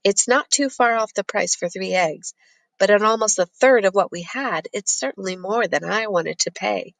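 A woman narrating a first-person novel as an audiobook in a steady, measured reading. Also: mid-range voice, creaky, dry recording.

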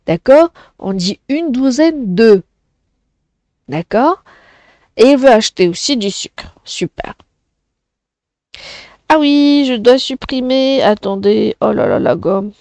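A woman's voice: on the high side, big pitch swings, slow pace, long pauses, a little mellow, dry recording. A woman teaching a French lesson to children, explaining patiently and often checking "d'accord?".

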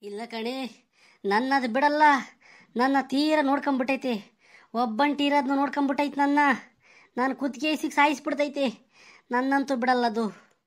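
A woman's voice: high voice, steady tone, moderate pace, long pauses, natural voice. A woman playing a terrified villager who says a ghost is haunting them, speaking in panicked, frantic repetition.

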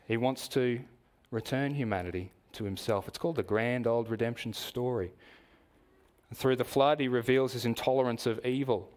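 In a darkish, mid-range voice, a man with an Australian accent delivers a church sermon. He speaks in a measured, explanatory way and puts questions to the congregation.

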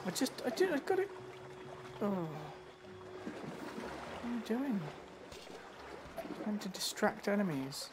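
A man chatting casually while playing a video game live, breaking into quick exclamations as he reacts. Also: high-pitched, huge pitch swings, noisy background. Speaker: streamer. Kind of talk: live gameplay commentary. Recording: game music playing behind.

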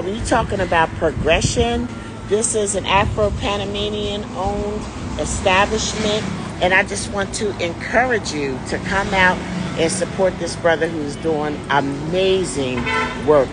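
Her voice sits on the low side, with background noise and music clearly playing behind it. This middle-aged vlog host and tour organizer is out on a city street, enthusiastically chatting with her y'all viewers in a casual live selfie video shot on a phone at arm's length.

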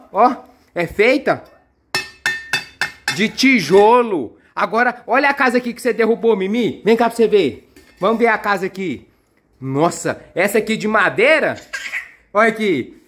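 A woman's voice: fairly high pitch, fairly bright tone. A woman with a Brazilian Portuguese accent giving playful, exclamatory commentary as she films her children at play, teasing them and cheering them on.

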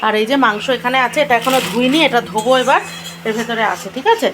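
A woman with a hoarse voice from a cold, chatting casually to viewers in a home vlog from her kitchen. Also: on the high side, quick pace. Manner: chatty, addresses viewers directly. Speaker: vlogger. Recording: noisy home recording.

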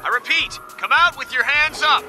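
A man voicing a stern police officer who calls out surrender orders through a megaphone in a loud, commanding way. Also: extremely high pitch, moderate pace, over music.

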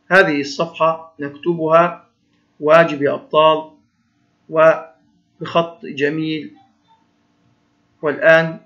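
A man's voice: fairly high pitch, pushed and bright, muffled recording. Man teaching a first-grade reading lesson. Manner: encouraging, addresses pupils as heroes, drawn-out syllables when modelling words. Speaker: primary school teacher.

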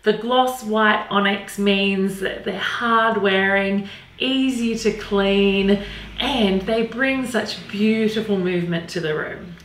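A woman's voice: medium pitch, slow. A middle-aged woman presenting a makeover reveal in a gushing, emphatic manner. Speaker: renovation show host. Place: small indoor tiled hallway. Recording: echoey room, faint background noise.

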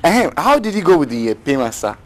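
An earnest stammering Nigerian friend. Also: male voice, a little high, sing-song, fast talker. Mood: concerned. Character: caring male friend of a wounded policeman. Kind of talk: film drama acting.

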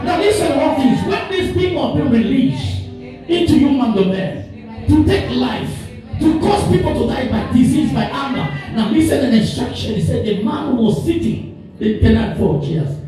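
An expressive pastor with African English and a voice on the high side for a man preaches at a moderate pace in a church hall. His rolling, repetitive sermon heaps promise on promise through repeated phrases and climbing declarations. The recording is distant and very reverberant, with music clearly playing behind.

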